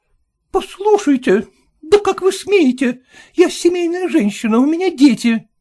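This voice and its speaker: A man's voice: very high-pitched, big pitch swings, measured pace, pitched above the performer's own voice, full character voice. An indignant young landlady, as a man puts her on. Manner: sharp, offended protest.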